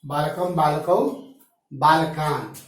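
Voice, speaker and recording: Male teacher reciting grammar forms real slow, kinda high voice, big echo, mic far away. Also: steady tone. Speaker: school teacher. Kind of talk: classroom grammar lesson. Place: classroom. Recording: very echoey room, mic far off.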